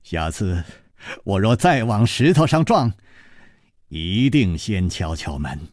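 A nervous young swordsman stumbles over his words, full of hesitant stammers, voiced by a male storyteller. His pitch jumps up and down, and the recording is close and dry. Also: sing-song, takes it slowly, darkish tone, no echo, heavily acted. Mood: flustered.

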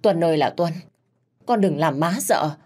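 A woman voicing a distraught older mother who wails, pleads and scolds in a high, loud voice. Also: lively intonation, fast talker, breathy edge. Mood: wailing. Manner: frantic, scolding, sobbing pleas.

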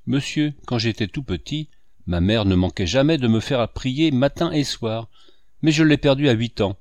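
A man's voice: medium pitch, expressive, normal speed, darkish tone, no room sound, lightly acted. A man voicing a frightened sixteen-year-old peddler boy, timid and pleading. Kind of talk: audiobook character reading.

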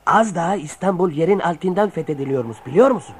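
An actor playing a grumbling, cynical old-world soldier in a radio play, talking in a colloquial way. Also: male voice, on the high side, lively intonation, fast, slightly rough. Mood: gossipy, awed. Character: grumbling, cynical Byzantine soldier who admires the enemy.

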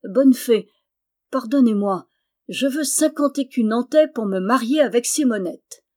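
Woman doing a scared young peasant guy in a storybook, whiny pleading but wont let go, a bit louder. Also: fairly high pitch, lively intonation, a little slow. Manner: pleading, earnest. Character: timid young peasant man, tearful but stubborn. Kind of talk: audiobook character voice.

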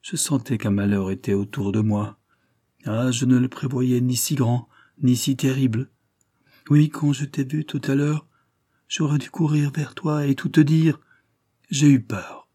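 A man's voice: mid-range voice, fairly even intonation, unhurried, dark tone, no echo, studio quality, voice pushed up, close to an everyday voice. A man voicing a vehement, impassioned society lady. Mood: pleading. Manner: impassioned, pleading then scornful and vehement. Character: passionate young society woman, desperate then bitter. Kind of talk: audiobook character reading.

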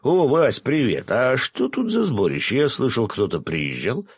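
A man's voice: medium pitch, huge pitch swings, unhurried, husky, dry recording, clean studio sound, pitched above the performer's own voice, full character voice. A man reading an audiobook, voicing a cheerful bearded man who sounds breezy and innocent.

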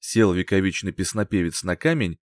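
A man narrating a folk tale in a dramatic, expressive storytelling manner. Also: deep voice, brisk, dry recording. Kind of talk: scripted narration.

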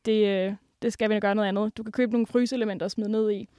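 A woman's voice: medium pitch, steady tone, mellow, clean tone, dry recording, studio quality. A woman guest telling work stories in casual chat, with many hesitant fillers. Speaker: podcast guest, café worker. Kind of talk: casual storytelling.

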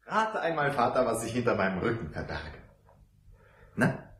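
A man's voice: medium pitch, very animated, moderate pace, a bit bright. A man playing a kindly, encouraging son-in-law in an audio drama. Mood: gentle, encouraging.

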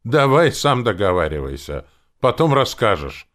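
A man's voice: lowish voice, very animated, moderate pace, a bit bright, pitched above the performer's own voice. A man voicing a cheeky, laid-back male army captain in an audiobook. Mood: teasing. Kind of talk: audiobook character voice.

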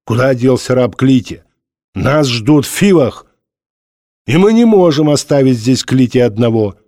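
A man voicing a brave young male leader who shouts urgent, commanding orders. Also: medium pitch, lively intonation, a little slow, no room sound, clean studio sound. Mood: stern.

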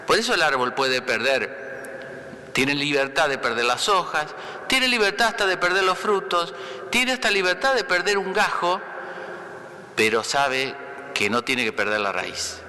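A man, a priest, giving a conversational homily, often checking with listeners and pausing to restart phrases. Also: on the high side, lively intonation, pushed and bright, big-room sound. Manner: conversational, asks "¿no?" for agreement; pauses and restarts mid-phrase. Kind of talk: spoken homily.

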